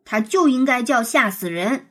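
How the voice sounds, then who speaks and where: A woman voicing a boastful, mischievous schoolboy who teases loudly in a sing-song way. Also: fairly high pitch, animated, moderate pace. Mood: taunting. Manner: loud, taunting, sing-song chanting.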